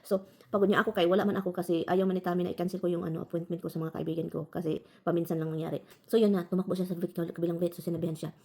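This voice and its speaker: Fast-talking mellow Filipina vlogger. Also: female voice, fairly low pitch, flat delivery, husky. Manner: rambling, says "guys" to viewers constantly; frequent self-corrections and restarts. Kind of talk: casual storytelling to viewers.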